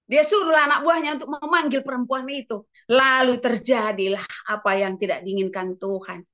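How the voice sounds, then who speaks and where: High-voiced woman preaching a lively sermon. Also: a little fast. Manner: animated storytelling, exclaiming. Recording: dull lo-fi recording.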